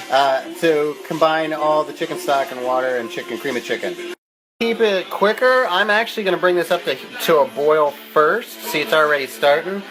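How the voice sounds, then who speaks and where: A chatty home cook with a fairly high-set voice talks through a casual cooking demonstration. The delivery is informal and loose with the odd curse. Music plays behind, along with the sizzle of frying food. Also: normal speed, poor audio. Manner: chatty, casual, mildly profane.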